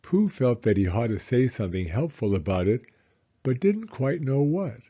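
A man reading a children's story aloud in an expressive, deliberate storytelling manner. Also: mid-range voice, husky, dull audio. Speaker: storybook reader.

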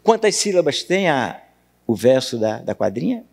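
A man with a Brazilian Portuguese accent giving a university lecture on poetry, questioning the audience and reciting verse slowly. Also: medium pitch, very animated, creaky, darkish tone, husky. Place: university auditorium. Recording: long hall reverb.

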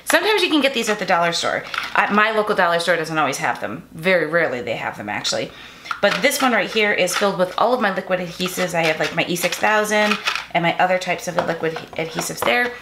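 Speaking quickly in a lowish voice, a craft-channel host in her forties gives relaxed show-and-tell narration of her drawers' contents, chatty and self-correcting as she goes. The home craft room sounds bright and echoey, with some faint noise.

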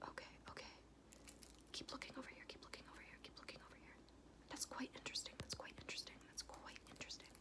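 A young woman doing a fast, aggressive ASMR whispered role-play, chaotic and repetitive, close to the mic. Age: young adult. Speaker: ASMR performer. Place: small indoor room at home.

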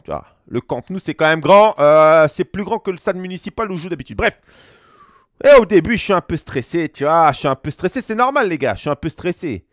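A young man telling a comic story in a joking, slangy, animated way, as a gaming YouTuber. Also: fairly high pitch, no echo, clean studio sound.

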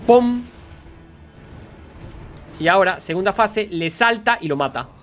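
A man's voice: high voice, expressive, a little fast, bright, forceful tone, faint music behind. A man with a Spanish accent from Spain, hosting a reaction video and chatting as he explains gameplay. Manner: chatty, explains and laughs along. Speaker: reaction host.

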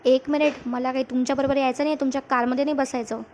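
A young doctor keeps his replies clipped and dismissive. A woman reads his lines in a high, light voice, with a faint hiss behind. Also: level tone, rapid-fire, a little mellow, lightly acted. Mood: curt. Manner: curt, dismissive. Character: young male doctor, curt and wary.

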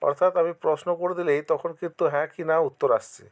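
A man's voice: on the high side, fairly even intonation, fast talker. A man from West Bengal with a West Bengal Bengali accent, teaching an exam-prep lesson to his students. He reads each question aloud, answers it, and gives examples. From West Bengal, India. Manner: addresses students directly, encouraging.

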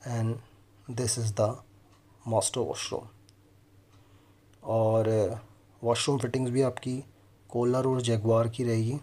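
This property consultant and video host, a man in his thirties with an Indian accent, guides viewers through a property, talking straight to them in blended Hindi and English. His mid-range, darkish voice barely moves in pitch, and he speaks extremely slowly with long pauses.

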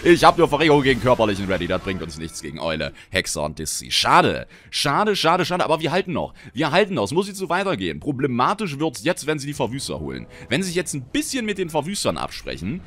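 A young man giving excitable, frustrated live commentary on his own gameplay, often cursing at teammates. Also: medium pitch, slight background noise. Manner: excitable, swearing, frustrated outbursts. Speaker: gaming commentator. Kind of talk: live Let's Play commentary.

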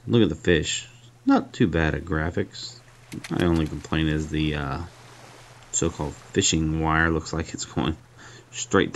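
A gravelly bass voice belongs to a man chatting casually as he plays a mobile game and reviews it, musing aloud and poking fun at his mistakes. There's slight background noise, along with game music playing faintly.

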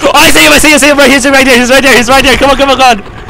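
A man hosting a co-op video game, yelling frantic commentary and repeating himself. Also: extremely high pitch, steady tone, very fast, creaky, faint music behind. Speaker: gaming host. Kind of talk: excited gameplay commentary.

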